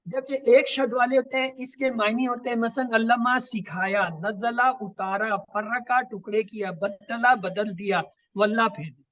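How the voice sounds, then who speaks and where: A man's voice: very high-pitched, steady tone, few pauses, fairly bright tone. A man teaching a class, patiently explaining and repeating lists of words. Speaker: Quran grammar teacher. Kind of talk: online class lesson.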